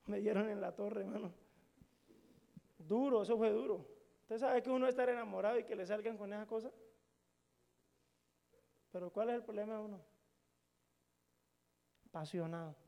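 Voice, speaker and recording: A middle-aged man preaches to his congregation. His voice sits high and carries a gravelly edge. He tells stories casually and jokes as he goes, throwing questions out to the audience. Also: warm tone. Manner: colloquial, joking storytelling with questions to the audience. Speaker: pastor. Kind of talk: sermon.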